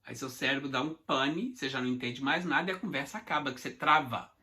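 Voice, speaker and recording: Brazilian male teacher, bright voice. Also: medium pitch, fast. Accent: Brazilian Portuguese. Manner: chatty, repeats phrases, addresses viewers directly. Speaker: English teacher. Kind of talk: casual video lesson.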